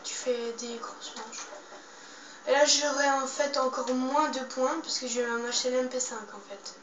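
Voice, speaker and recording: High-voiced female gamer, distant and noisy. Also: fairly even intonation, measured pace. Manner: slangy, mild swearing, muttering to self. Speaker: gamer playing a zombie game. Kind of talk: casual gaming commentary. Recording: roomy, distant mic, loud background noise.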